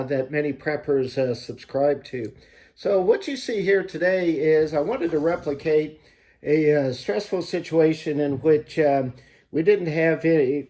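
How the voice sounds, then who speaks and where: A man hosting a prepping vlog, talking casually to camera in a halting way with frequent mid-phrase pauses. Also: fairly high pitch, dark tone. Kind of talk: casual demonstration talk to camera.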